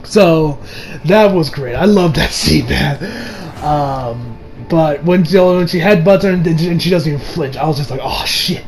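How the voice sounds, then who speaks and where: A young man with a high voice gives an unscripted, casual movie review, gushing excitedly and swearing plenty.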